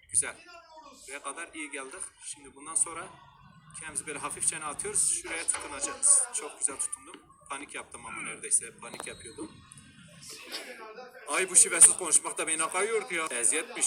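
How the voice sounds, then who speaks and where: Animated, high-pitched Turkish gamer man. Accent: regional Turkish dialect. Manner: swears a lot, yells and laughs in frustration. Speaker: gamer streamer. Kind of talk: gaming commentary. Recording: loud game music behind.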